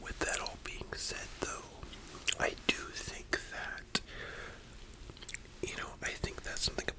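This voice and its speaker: A soft, breathy library whisper carries this ASMR whispered role-play. The speaker plays a librarian and rambles informally through personal opinions, staying almost entirely unvoiced. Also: slow, poor audio. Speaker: ASMR performer.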